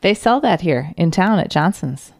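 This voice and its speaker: A woman's voice: on the low side, expressive, normal speed, a little mellow, no echo. Wry, chatty female radio host. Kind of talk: radio interview.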